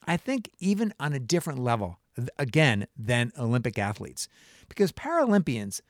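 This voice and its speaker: A man's voice: medium pitch, very animated, normal speed, dry recording, studio quality. A middle-aged man hosting his own show in a casual solo monologue, impassioned, full of restarts and rhetorical questions. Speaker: show host.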